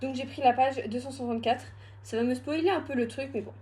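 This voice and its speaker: A young woman chatting casually at home through a challenge vlog, self-mocking and quick to laugh. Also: high voice, warm tone. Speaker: vlogger.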